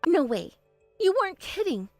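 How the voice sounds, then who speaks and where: A woman voicing a spoiled, bossy young bride in an animated story, talking in a shrill, demanding way. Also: moderate pace, dry recording, soft background music, exaggerated voice. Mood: flustered.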